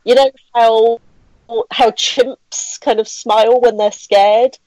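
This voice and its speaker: A woman's voice: on the high side, steady tone, takes it slowly, a little mellow, no echo, rough recording. A woman guest on a comics podcast, nervous and giggly in casual chat.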